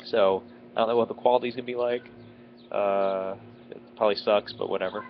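A man's voice: fairly low pitch, steady tone, a little fast. A congested man sick with a head cold, chatting casually to camera in a self-deprecating, complaining way as he vlogs outside at home. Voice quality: congested, stuffy-nosed. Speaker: vlogger. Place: outdoors at home in a residential neighborhood. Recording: dull lo-fi, clear outdoor background noise. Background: outdoor neighborhood ambience.

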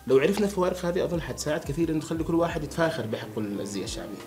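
Young guy talking super fast, friendly chat, faint music under it. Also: fairly high pitch, expressive, darkish tone. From Hadhramaut, Yemen. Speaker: conversation partner asking questions. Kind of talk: casual chat between friends.

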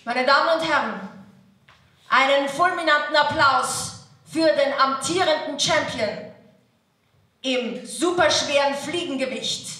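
A woman works as a boxing ring announcer, presenting fighters theatrically. Her voice is high and forceful, and she draws names out slowly. It rings with heavy echo through the hall. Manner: dramatic, drawn-out name calls to the crowd. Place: boxing ring on a large indoor stage. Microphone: handheld microphone. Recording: very echoey PA in a hall.

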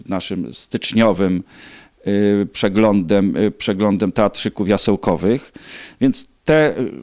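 A middle-aged man giving measured, hesitant interview answers with frequent pauses. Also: lowish voice, a little mellow. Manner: hesitant, measured, pausing often. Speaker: contest organiser being interviewed. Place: indoors, small room. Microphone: handheld reporter microphone.

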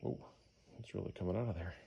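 A middle-aged DIY engine rebuilder gives a casual how-to, muttering to himself while working in a garage. His low-pitched voice is fast with vocal fry, and the recording is muffled with a noisy background.

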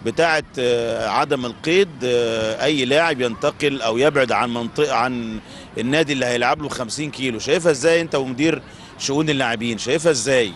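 A middle-aged man with an Egyptian accent hosts an outdoor interview, talking at a rapid pace. He restates his guests' points and pushes follow-up questions into a handheld mic. A faint hum of the surroundings is heard behind him. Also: medium pitch, fairly bright tone. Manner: brisk, restates and prompts guests. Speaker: host. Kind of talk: interview talk show. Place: outdoor football pitch at night.

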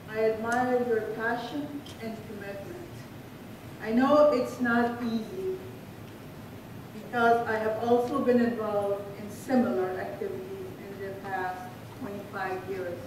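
A middle-aged woman from Afghanistan giving a prepared speech at a podium, speaking in a slow, measured way from her notes. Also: a little mellow. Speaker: guest speaker. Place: large indoor reception hall. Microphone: podium microphone heard from a distance. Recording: echoey hall from far off with faint rumble.

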